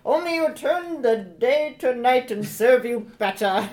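A woman's voice: a little high, animated, a little slow, a little mellow. Woman doing a dry, sardonic male butler. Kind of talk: amateur script read-through.

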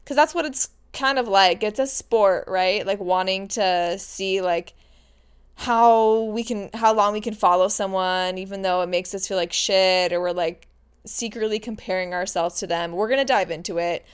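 Female podcast host, smooth clear voice, frank and chatty, recording lying in bed while getting over a stomach flu. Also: medium pitch, moderate pace. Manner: chatty, frank, uses mild swearing. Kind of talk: casual solo podcast talk.

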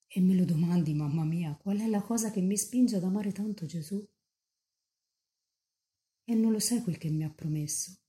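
A nun reading as a young mystic in rapture. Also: female voice, fairly low pitch, moderate pace, pauses often, warm tone, close to an everyday voice. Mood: fervent pleading. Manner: fervent, tender pleading prayer. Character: young woman mystic in rapture, pleading with Mary.

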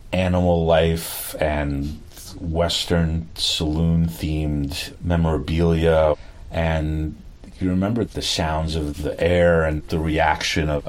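A man, reminiscing in an interview in a halting, wistful way with many fillers. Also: a bass voice. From New York.

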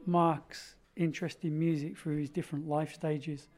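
A man working as a music therapist, explaining his work in a clear, methodical way. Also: on the high side, flat delivery, moderate pace, darkish tone.

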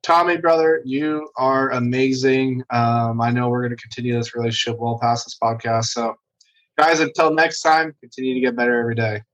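A man's voice: medium pitch, steady tone, brisk, lo-fi sound. A man hosting a podcast interview, enthusiastic and casual with his guest. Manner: enthusiastic, calls guest brother and dude. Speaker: podcast host.

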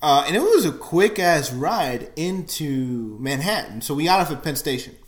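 A man co-hosting a podcast, chatting casually and quick to set the details straight. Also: a little high, very animated. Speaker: podcast co-host. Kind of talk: casual chat. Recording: roomy echo.

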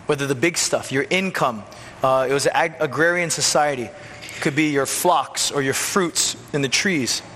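A man preaching in a relaxed, conversational way, slipping into little acted-out exchanges. His voice sits fairly high and sounds bright and forceful. The sound carries a long church reverb with a faint hiss underneath. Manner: conversational, acts out quick dialogues. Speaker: pastor. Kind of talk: sermon. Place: church sanctuary.

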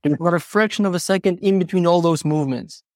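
With a high-sitting voice and a quick pace, this non-native English-speaking man is a horse trainer being interviewed on a podcast. He reflects earnestly, leaning on personal stories and rhetorical questions to make his points. The recording is dry and studio quality.

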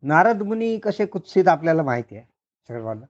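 A man telling a folk tale in an animated, repetitive narrating style. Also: a little high, brisk, muffled recording. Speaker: storyteller. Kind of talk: oral folk storytelling.

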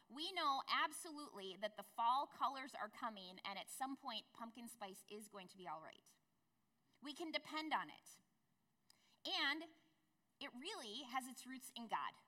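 Woman pastor preaching, kinda high bright voice, chatty asides to the crowd, big echoey church. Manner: conversational preaching with asides to the congregation. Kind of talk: sermon. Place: church sanctuary.

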